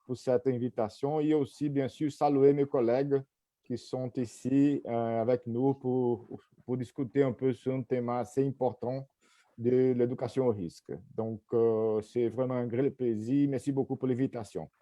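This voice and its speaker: A man's voice: mid-range voice, fairly even intonation, normal speed, warm tone, no room sound, clean studio sound. A man with a Brazilian Portuguese accent in French, giving courteous opening remarks as a webinar panelist.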